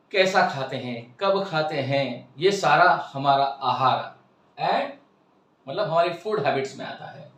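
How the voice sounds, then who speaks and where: A man's voice: fairly high pitch, fairly bright tone, echoey room, distant mic. A man, a wellness host persuasively and emphatically explaining ideas to his viewers. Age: 60s. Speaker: health and wellness channel host. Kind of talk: explanatory talk to camera.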